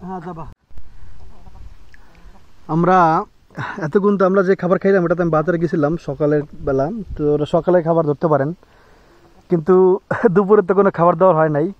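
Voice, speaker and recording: A man's voice: on the high side, a little fast, long pauses, dry recording, highs cut off. A young man chatting casually to viewers in a family vlog outdoors at a rural home, coaxing his small son along the way. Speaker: family vlogger.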